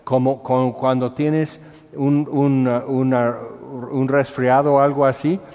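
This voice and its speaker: Mexican pastor, mid-pitched, conversational sermon, acts out quotes; dull sound, long hall reverb. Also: male voice, level tone, slow, warm tone. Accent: Mexican Spanish.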